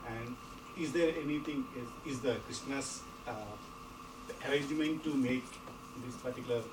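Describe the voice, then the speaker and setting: A man puts a question haltingly from the audience. He has a mid-pitched voice, heard in a roomy, noisy recording. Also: fairly even intonation. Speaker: audience member asking a question. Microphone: far from the microphone. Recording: echoey, noisy, distant room pickup.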